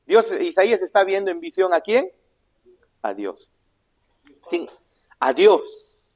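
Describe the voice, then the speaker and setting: A man preaching a sermon, asking the congregation questions and answering them himself, swinging between loud emphatic lines and low hushed asides. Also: sing-song, takes it slowly. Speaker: pastor. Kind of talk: sermon Bible teaching.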